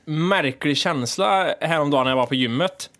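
A man chats casually on a podcast, winding through a story with many fillers and restarts. His voice sits a little higher than most men's. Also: a bit bright. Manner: rambling storyteller, lots of fillers. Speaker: podcast co-host. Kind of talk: casual chat.

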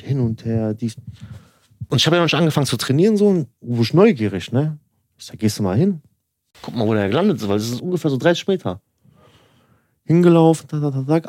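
A young man co-hosting a podcast drifts through a story in easygoing chat, heavy on filler tags like "so" and "ne," and acts out each side of the quoted conversation. His voice is medium-pitched and warm, in a studio-quality recording with no echo.

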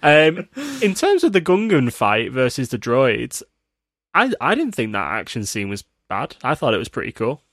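A man's voice: mid-range voice, wildly swooping pitch, normal speed, a bit bright, no echo. A man hosting a laid-back podcast, joking and swearing casually as he breaks down a film. His voice sits in the middle register, recorded close and dry. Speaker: podcast host. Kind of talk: casual chat.

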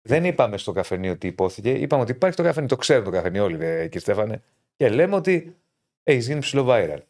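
A man co-hosting a casual sports betting chat, animated and teasing, often talking over the others. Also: medium pitch. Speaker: podcast co-host.

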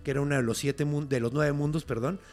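Brief: young Mexican man, podcast co-host, slangy and profane, fairly high voice, faint music under him. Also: fairly even intonation, fast. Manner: slangy, swearing, explains myths with bursts of laughing shouts. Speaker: podcast co-host telling folklore. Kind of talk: casual podcast chat.

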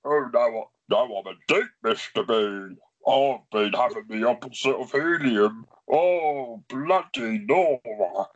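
A man on a podcast doing a silly impression of a man with a voice gone comically deep, as if he had inhaled the opposite of helium. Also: takes it slowly, muffled recording. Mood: goofy.

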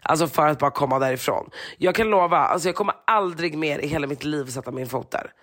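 Animated woman telling a story. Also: deep voice. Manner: animated storyteller who acts out what people said, with heavy filler words. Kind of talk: casual chat, storytelling.

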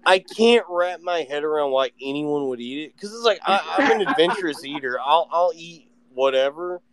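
A man hosting a casual podcast, telling rambling, profane anecdotes in an animated way. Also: fairly high pitch, moderate pace, a crowd in the background. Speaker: podcast host. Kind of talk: casual storytelling chat. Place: live online audio room.

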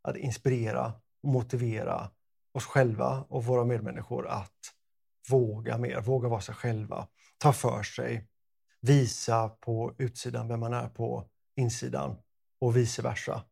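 Male podcast co-host, gravelly, playful banter. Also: medium pitch, level tone, darkish tone. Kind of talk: casual chat.

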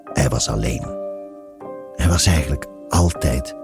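A man's voice: rumbling low, measured pace, creaky, music in the background. A man narrating a story in a reflective, musing way. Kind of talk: scripted narration of a radio story.

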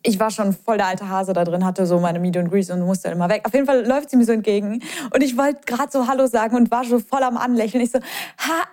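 A young woman from the Schweinfurt area of Germany, chatting casually and excitedly quoting herself as she tells a story. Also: medium pitch, fast, few pauses. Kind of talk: casual chat.

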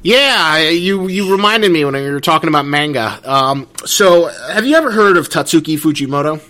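A man's voice: on the high side, expressive, normal speed, pushed and bright. A man co-hosting a podcast, talking casually with lots of hesitations and fillers. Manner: hesitant, filler-heavy, wry. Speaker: podcast co-host. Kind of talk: casual chat.

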